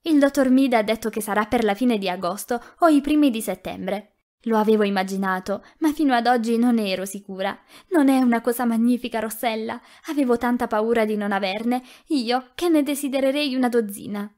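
A woman reading an audiobook, voicing a gentle, tactful young woman who speaks softly and a little breathlessly. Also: fairly high pitch, a little fast, natural voice. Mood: joyful. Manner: soft, eager, slightly breathless. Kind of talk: audiobook character voice.

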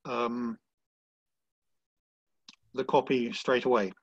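A man's voice: medium pitch, fairly even intonation, slightly rough, no echo. Man, sailing judge, thinks aloud with restarts; lo-fi call audio. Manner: halting, many restarts and fillers. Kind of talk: online panel discussion. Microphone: video call. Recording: dull lo-fi video call audio.

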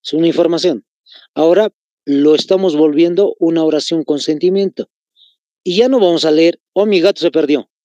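A man's voice: a little high, moderate pace, warm tone, dry recording, lo-fi sound. A man with a Bolivian Spanish accent teaching an online class. He explains patiently, repeats key phrases and calls his students chicos.

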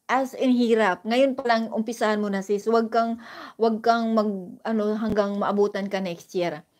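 A woman's voice: on the high side, steady tone, normal speed, a little mellow. A woman from the Philippines chatting casually on a live stream, greeting viewers by name and giving sisterly, encouraging advice.

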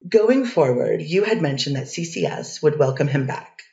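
A woman with a low, mellow, very animated voice reads a defense attorney's part in a readers theater courtroom transcript, putting methodical cross-examination questions at a moderate pace. Her mood stays steady, and the recording sounds dull, distant and echoey.

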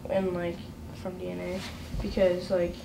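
A woman's voice: fairly low pitch, monotone, a little slow, creaky. A teenage girl, a student, speaking hesitantly with many fillers. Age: teens. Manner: hesitant, repeats like. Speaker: student participant. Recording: echoey room from far off with noise.

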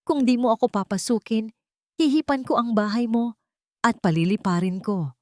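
A woman voicing a hungry, cunning wolf who shouts demands at little pigs in a storybook tale. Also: on the high side, normal speed, no echo, studio quality, pitched above the performer's own voice, close to an everyday voice. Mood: menacing.

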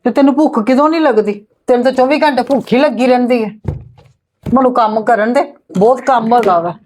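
A woman's voice: on the high side, a little fast, darkish tone, slight background noise, close to an everyday voice. A woman playing an indignant overworked daughter-in-law. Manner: indignant, lecturing and complaining. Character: overworked, fed-up young wife arguing with her in-laws. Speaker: daughter-in-law in a family skit.

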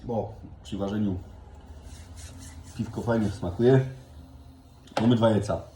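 A man's voice: on the low side, fairly even intonation, takes it slowly. A man with a Silesian accent, chatting in a folksy way as he gives a casual step-by-step cooking demonstration. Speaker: home cook hosting a cooking video. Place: indoor kitchen. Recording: echoey room with loud kitchen noise. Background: clattering dishes, cutlery and pans.

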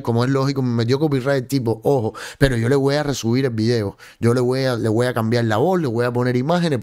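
A man's voice: mid-range voice, darkish tone. A Cuban man with a Cuban accent, hosting a live stream and commenting emphatically, stressing points by repeating words and greeting viewers.

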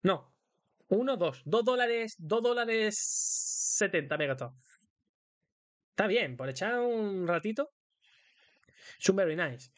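A man's voice: high-pitched, animated, slow, pauses often, dry recording. A man with a Spain Spanish accent giving playful, singsong, crude live commentary as a streamer while he plays a game.

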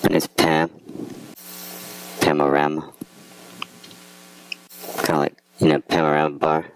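A man voicing a boastful, rambling party guy with a very deep, gravelly voice. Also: flat delivery, a little slow, a little hiss or hum, poor audio. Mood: goofy. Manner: rambling, goofy bar-stand-up patter.

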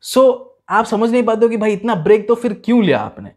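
Excitable young man reacting to music. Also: high-pitched, a little fast. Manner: excitable, peppers talk with "man" and "bro", switches between English and Hindi. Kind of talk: casual reaction commentary.

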